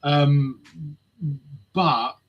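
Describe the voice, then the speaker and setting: A man's voice: a little high, very slow, dull audio. A man talking football tactics in casual chat, passionate and swearing freely.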